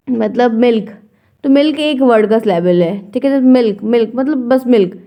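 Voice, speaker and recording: A young woman teaching an exam-prep grammar lesson, talking slowly and patiently with a tired, strained throat and frequent check-ins with her viewers. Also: on the high side, muffled recording.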